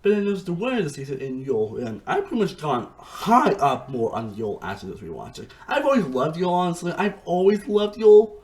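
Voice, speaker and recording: A man giving a casual, rambling review monologue, excitable, with frequent restarts and swearing. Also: medium pitch, a little fast, hardly any pauses, poor audio. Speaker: reality TV reviewer.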